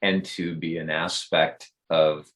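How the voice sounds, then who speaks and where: Low-voiced man musing on faith. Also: flat delivery, slow, fairly bright tone. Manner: thoughtful, rambling with many fillers. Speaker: life coach and co-host. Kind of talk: casual faith-based podcast talk.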